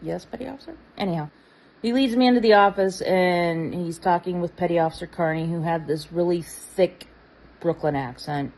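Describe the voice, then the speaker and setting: Lowish voiced woman telling an old story, chatty, lots of uh and anyhow. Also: a little mellow, poor audio. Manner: chatty, with fillers and quick asides. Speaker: guest recalling her past. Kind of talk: casual anecdote.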